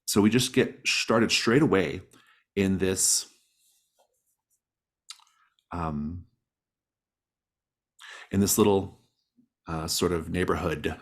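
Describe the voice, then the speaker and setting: Slow and low-voiced, pausing often, a man runs a game and explains its rules and setting to the players. His tone stays casual and supportive, backing up the ideas they bring.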